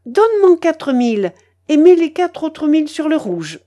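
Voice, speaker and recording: Audiobook: a woman reading a bossy old grandmother at roulette, shrill, lively and demanding. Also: slow, slightly rough, heavily acted. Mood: excited. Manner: shrill, bossy, breathless commands. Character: imperious excitable old grandmother gambling at roulette.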